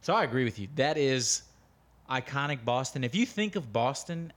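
A man's voice: medium pitch, animated, moderate pace. Blunt, swearing American man podcaster. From United States. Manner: opinionated, blunt, swears freely. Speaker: podcast co-host. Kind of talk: casual podcast banter.

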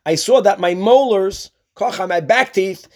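A man's voice: high voice, measured pace. A man giving a Talmud lesson as a religious teacher, reading and explaining, often repeating and rephrasing his points.

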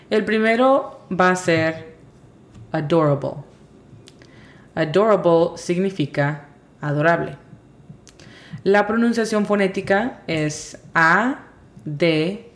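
Slow, low-voiced woman teaching a lesson. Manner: patient, spells words out letter by letter. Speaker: English teacher and podcast host. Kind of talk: scripted language lesson.

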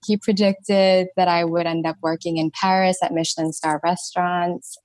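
Laughing between phrases, a young woman from Thailand shares her story as a podcast guest and energy healer. She speaks at a moderate pace in a lowish voice, keeping things lively and conversational.

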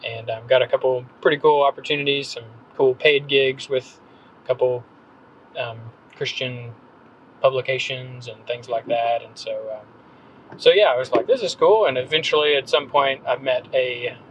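A man's voice: medium pitch, fairly even intonation, normal speed, a bit bright, a little hiss or hum, rough recording. Hesitant rambling man from North Carolina. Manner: hesitant, rambling, frequent ums and restarts. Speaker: podcast guest, copywriter. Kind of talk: casual conversational interview.

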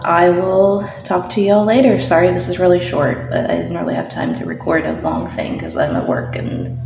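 A woman leaving a hurried, rambling voice message for a podcast, recorded in a hidden spot at work. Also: low voice, reverberant, far from the mic. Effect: recorded voice message played back. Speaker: listener sending a voice memo. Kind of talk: casual voice note.

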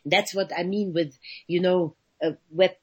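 Husky-voiced woman, halting speech. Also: lowish voice, steady tone, a little mellow, dull audio. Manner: halting, many restarts, searching for words. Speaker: guest, actress. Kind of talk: radio interview conversation.

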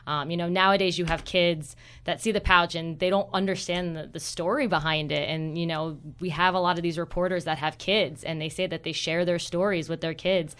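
A woman's voice: fairly low pitch, fairly even intonation, fairly quick, few pauses, fairly bright tone, clear, resonant tone. A woman talking about her public relations work in a casual podcast chat, upbeat and full of fillers. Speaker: PR guest.

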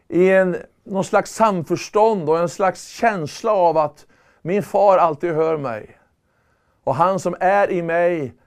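High-voiced man preaching earnestly. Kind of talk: sermon.

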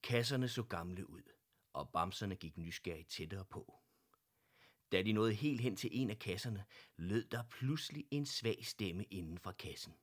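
Guy reading a kids' story aloud, low voice, lively expressive telling. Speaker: narrator. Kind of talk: children's audiobook narration.

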